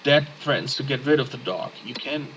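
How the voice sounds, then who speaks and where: Man, let's player, reads game text aloud, mutters asides, average pitch. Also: expressive, brisk, a bit bright, muffled recording, a little hiss or hum. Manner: casual, muttering asides and fillers. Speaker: let's play gamer.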